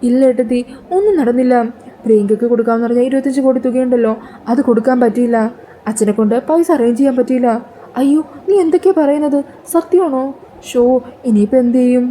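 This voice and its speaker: A distraught young wife pours out her despair in a raised, pleading voice, as a woman narrator voices her. The delivery is quick and dark-toned, lifted a little above the reader's usual pitch. Retold storybook-style. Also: a little hiss or hum, natural voice. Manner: pleading, desperate.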